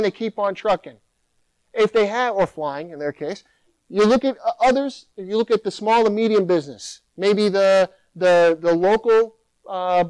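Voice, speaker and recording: A middle-aged man fields audience questions from a conference podium, lively and animated. His voice sits high for a man. The sound is dry and close. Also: smooth, dry recording, poor audio. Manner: animated, mimics users in mocking voice. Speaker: keynote speaker. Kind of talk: conference Q&A answers. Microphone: podium microphone.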